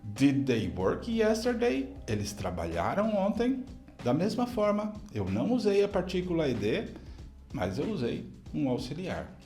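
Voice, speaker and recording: A man from Brazil teaching an English lesson in a video, explaining grammar step by step and saying example sentences slowly. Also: fairly high pitch, huge pitch swings, warm tone, faint music behind.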